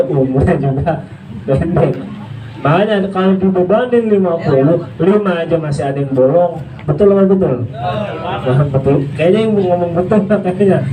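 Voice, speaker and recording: A man giving an informal sermon as a religious teacher, asking questions and answering them himself. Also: on the high side. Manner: conversational, asks and answers his own questions. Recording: echoey room from far off, noisy.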